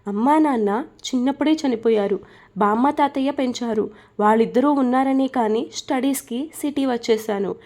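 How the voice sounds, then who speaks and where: A woman's voice: a little high, moderate pace, mellow, close to an everyday voice. A woman reading as a teasing young husband. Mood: earnest. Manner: playful, coaxing storytelling delivery.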